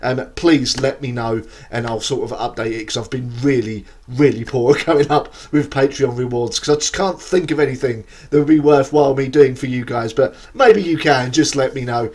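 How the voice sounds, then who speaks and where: A man's voice: medium pitch, moderate pace, hardly any pauses, darkish tone. A man with an Essex accent giving a casual, rambling, self-deprecating album review straight to camera. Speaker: music reviewer.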